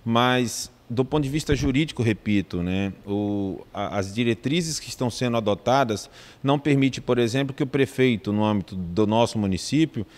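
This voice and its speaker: A man with a Brazilian Portuguese accent, a legal adviser explaining a decree in a measured, formal way with frequent restarts. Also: medium pitch, long reverb tail.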